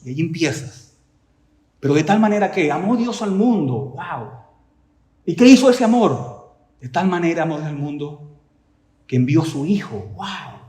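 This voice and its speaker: A man's voice: on the high side, a little mellow, reverberant. A male pastor preaching a sermon with emphasis, often posing rhetorical questions and saying "right?" to his listeners.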